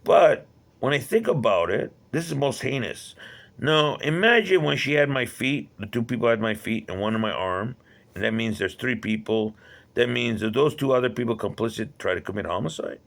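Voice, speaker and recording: A man's voice: mid-range voice, expressive, normal speed, creaky, a bit bright. A man telling a personal story in a rambling, agitated monologue that often breaks off and checks in with the listener. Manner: agitated, rambling, with many restarts and "right?". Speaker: vlogger.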